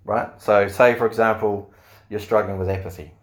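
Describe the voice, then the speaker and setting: A man preaching a sermon in an earnest way, asking the listeners questions and often pausing on fillers. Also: lowish voice, level tone. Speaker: pastor.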